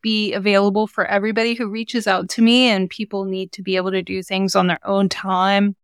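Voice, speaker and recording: A woman's voice: medium pitch, little pitch movement, brisk, clean tone, dry recording, studio quality. A woman speaking as a guest in a podcast interview, explaining her coaching work for mothers in an earnest, encouraging way. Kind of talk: conversational interview.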